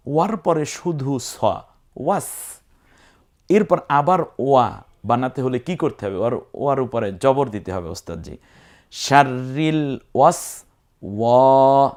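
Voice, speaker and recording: A man with a Bangladeshi Bengali accent teaching recitation, explaining letter by letter and chanting words in long drawn-out tones. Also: medium pitch, a little mellow. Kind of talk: spelling-out lesson.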